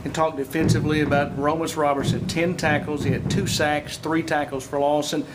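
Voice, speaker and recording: A man interviewing players and coach after a football game, reading off stats in an even delivery. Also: on the high side, brisk, very noisy. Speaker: sports interviewer. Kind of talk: postgame interview questions.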